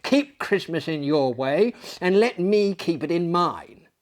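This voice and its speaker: A man's voice: fairly high pitch, big pitch swings, measured pace, pitched above the performer's own voice. A man reading a classic ghost story aloud, voicing a bitter, miserly old man who snaps out indignant retorts. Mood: stern. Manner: snapping, indignant outbursts.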